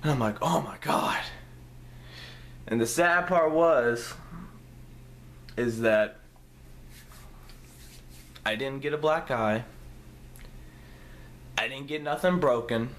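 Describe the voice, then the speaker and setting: A man's voice: mid-range voice, slow, pauses often, a little hiss or hum. Young male vlogger, casual storytime delivery, swears freely and tells it with energy. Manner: profane, animated storytelling.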